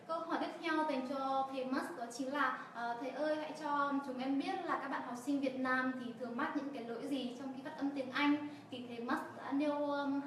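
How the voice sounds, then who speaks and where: A woman co-host recapping the teacher's points for learners in an explanatory, teacher-like way, with fillers. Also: sits high. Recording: very echoey room, distant mic, faint noise.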